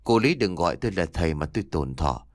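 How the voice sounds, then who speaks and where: A man puts on a nervous old village sorcerer in a storybook, pitched low and muttered quickly under his breath. He brushes off any honour in a hushed, humble manner, and the recording is dry and close. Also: sing-song, dry recording. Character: anxious older male village sorcerer.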